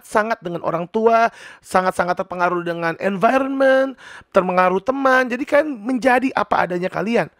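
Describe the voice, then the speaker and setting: A man explaining personality types in a chatty, animated, casual vlog. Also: high-pitched, creaky, no room sound, studio quality. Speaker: personality teacher.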